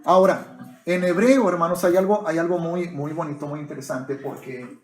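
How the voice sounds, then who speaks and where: A man's voice: on the high side, normal speed, reverberant, heavy background noise. A man preaching a sermon, often calling his listeners brothers and asking them to agree. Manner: addresses the congregation as brothers, asks for agreement often.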